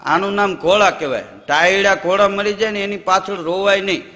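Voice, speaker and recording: A man spins folksy comic tales on a live stage, his voice pitched high and ringing bright. A long hall reverb trails his words. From Gujarat, India. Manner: folksy, animated storytelling, chanting verses slowly. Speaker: folk comedian. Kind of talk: Gujarati stage storytelling comedy. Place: live stage show with laughing audience.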